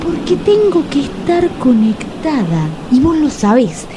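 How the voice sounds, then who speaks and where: An actress with a Rioplatense Spanish accent plays Cecilia, a nervous, suspicious woman who has just separated. Her voice is high-pitched and sing-song, her delivery unhurried, and the background is noisy.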